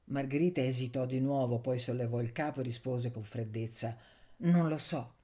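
Woman narrator, audiobook, low voice, mellow tone, measured storytelling. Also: fairly even intonation.

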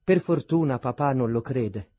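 A sorrowful young woman, voiced by a man in a novel reading, speaks softly and with resignation. The voice is husky, sits in the middle range, and is recorded close and dry. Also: mid-range voice, expressive, moderate pace, no room sound, close to an everyday voice. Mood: tearful. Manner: quiet, resigned, earnest. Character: young Neapolitan woman, meek, sad, devout.

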